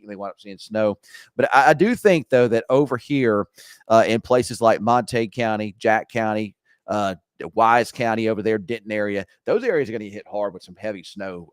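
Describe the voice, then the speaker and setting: A middle-aged man hosts a casual live weather chat in a low, groggy morning voice. He rambles easygoingly with plenty of fillers and restarts. The sound is dry and close, with no room echo. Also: clear, resonant tone. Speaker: weather show host. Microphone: video call screen share.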